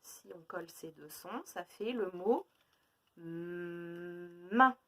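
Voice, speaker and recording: A woman teaching a phonics lesson to young children, slowly and clearly separating each sound and stressing the key words. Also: lowish voice, sharp tone.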